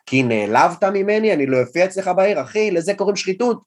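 A young man, a guest comedian, tells an anecdote in a casual, self-deprecating and animated way. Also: high voice. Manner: animated, self-deprecating storyteller who acts out quotes. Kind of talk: casual storytelling in a podcast interview.

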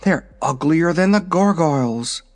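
A storybook reader voicing a frightened pet kitten who talks quickly and in alarm. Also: mid-range voice, expressive, pitched above the performer's own voice, natural voice. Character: frightened pet kitten, sharp-eyed and blunt.

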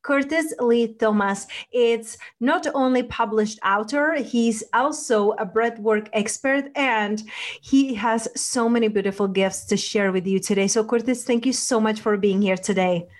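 A woman's voice: on the high side, unhurried. Effusive woman hosting a podcast interview. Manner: effusive, affirming. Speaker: podcast host.

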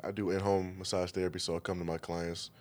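A man speaking as a podcast guest in casual chat, laid-back and halting as he explains things. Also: sits low, little pitch movement, darkish tone. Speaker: podcast guest, trainer and massage therapist.

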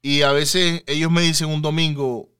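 A man hosting a Spanish-language podcast interview, casual and halting, with lots of fillers and repeated words. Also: a little high, level tone, fairly bright tone, clear, resonant tone, no echo, clean studio sound. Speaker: podcast host. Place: lives near Houston, Texas.

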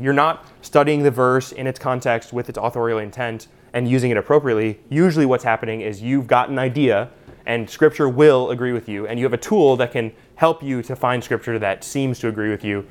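A man teaching a Bible study class in a conversational way, with lots of "you know" and "uh". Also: medium pitch. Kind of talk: unscripted teaching talk.

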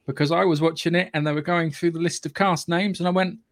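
A man with a British accent hosting a podcast, giving a casual, opinionated film review in a halting, sweary way. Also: fairly high pitch, steady tone. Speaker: podcast host.

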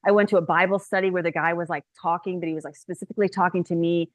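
Woman, 30s, low voice, dry close recording; chatty podcast testimony full of "like" and "um". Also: rapid-fire, no room sound. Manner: chatty and animated, with many "like"s and "um"s. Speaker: guest speaker.

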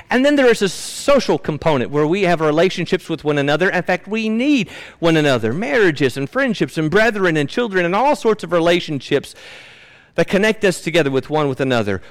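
A man's voice: a little high, clean tone. A man preaching a sermon as pastor, earnestly putting rhetorical questions to his congregation. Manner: reads scripture aloud with rising emotional emphasis.

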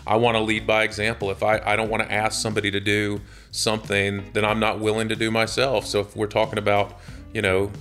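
Flat-toned man, soft music under. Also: lowish voice, brisk. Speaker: real estate company president. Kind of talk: interview clip. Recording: faint music behind.

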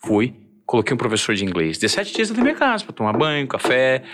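Bright, quick-talking Brazilian man. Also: medium pitch. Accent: Brazilian Portuguese. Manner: energetic storyteller, slangy. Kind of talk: casual chat.

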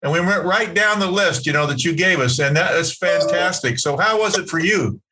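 A man's voice: sits high, a little fast, background noise. A man hosting a faith video meeting, encouraging and affirming, with fillers and restarts, on a video call. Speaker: host.

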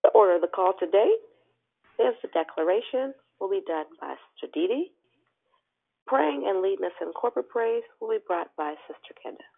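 A woman hosting a prayer call over the phone, making formal, orderly announcements and reading scripture with deliberate phrasing. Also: medium pitch, animated, gravelly, husky. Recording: tinny narrow phone line.

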